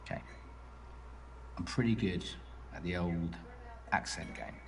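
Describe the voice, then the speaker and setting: A guarded, deadpan date. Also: female voice, rumbling low, measured pace, creaky, slight background noise, exaggerated voice. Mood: dry teasing. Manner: dry, deadpan wit. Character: guarded, teasing young woman on a dinner date. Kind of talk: live-action dating game scene. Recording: distant mic with music behind.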